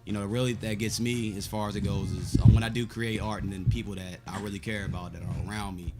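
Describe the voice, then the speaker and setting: A man's voice: on the low side, fairly even intonation, fast talker, loud music behind the voice. A man in his twenties, a guest artist, talking in a laid-back way and often agreeing with "most definitely.". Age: 20s. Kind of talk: casual interview chat.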